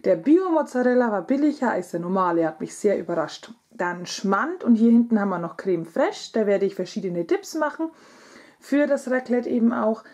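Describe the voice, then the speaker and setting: A woman's voice: on the high side, lively intonation, moderate pace, darkish tone. A woman in her thirties narrating a casual vlog in a chatty manner, talking straight to her viewers. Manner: chatty vlogger presenting items, addressing viewers directly. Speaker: vlogger. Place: indoors at home, kitchen.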